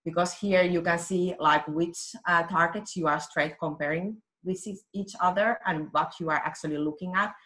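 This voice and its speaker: A woman's voice: fairly low pitch, fairly even intonation, moderate pace, few pauses, a bit bright. A woman with a Finnish accent, a technical application scientist giving a webinar presentation, explaining steadily with frequent "uh"s and small self-corrections. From Finland.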